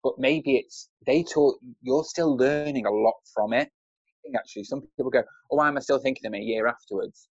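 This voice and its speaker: A man's voice: medium pitch, a little fast, dry recording, dull audio. A man chatting thoughtfully as a podcast guest over a video call, laughing easily.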